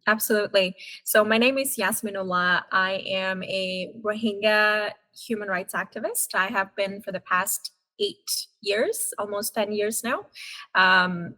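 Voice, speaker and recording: A woman's voice: mid-range voice, unhurried, pushed and bright, low-quality recording. A woman in her thirties from Burma, raised in Thailand, answering interview questions earnestly with frequent fillers and restarts. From Burma (Myanmar), raised in Thailand. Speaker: guest, human rights activist.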